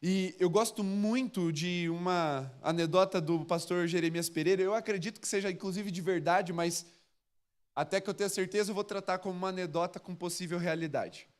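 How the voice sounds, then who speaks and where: A man's voice: sits high, a little fast. A man in his thirties with a Brazilian Portuguese accent, preaching a sermon in a church, telling anecdotes and acting out the voices of the people in them. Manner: animated storyteller, acts out quoted voices. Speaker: pastor. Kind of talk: sermon with storytelling. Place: church sanctuary.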